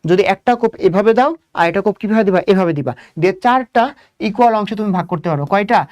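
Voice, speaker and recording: A man's voice: high-pitched, fast. Man quizzing students in a lecture. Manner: asks the class questions, then answers them himself; repeats key points. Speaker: biology teacher. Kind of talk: exam coaching lecture.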